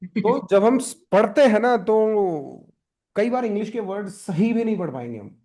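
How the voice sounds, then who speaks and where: A man's voice: high-pitched, lively intonation, measured pace, dark tone. A man teaching a spoken English class, coaxing students with questions.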